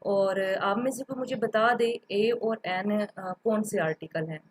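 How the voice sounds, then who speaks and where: A woman's voice: medium pitch, unhurried, low-quality recording. A woman giving a patient, step-by-step grammar lecture, repeating examples and mixing in English terms. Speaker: teacher.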